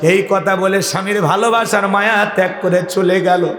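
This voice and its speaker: A man preacher who tells stories in a sing-song sermon style, swinging between high calls and low asides. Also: steady tone, moderate pace, a bit bright. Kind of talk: Islamic sermon storytelling. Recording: echoey hall with long reverb.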